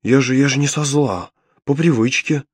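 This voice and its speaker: A man's voice: medium pitch, normal speed, breathy edge, no echo, studio quality, voice pushed up, natural voice. A man voicing a sly, mocking male imp with a horned devil's gleeful, taunting manner in an audiobook. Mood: flustered. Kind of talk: audiobook character voice.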